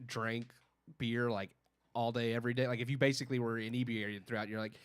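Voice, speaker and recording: A man co-hosts a casual podcast, speaking at an ordinary middle pitch. He rambles and restarts, leaning heavily on fillers as he hunts for words. The sound is dry and close. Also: flat delivery, fairly quick, smooth, no echo. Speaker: podcast co-host.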